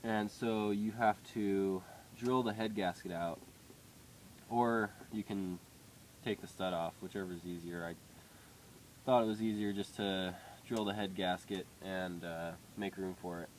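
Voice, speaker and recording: Speaking a little slowly in a deep, darkish, fairly even voice, a young car-hobby vlogger with a head-cold nasality offers a casual, rambling update on his project car. He hesitates and fills gaps often; the workshop is dim, and the rough recording has a bit of hiss or hum.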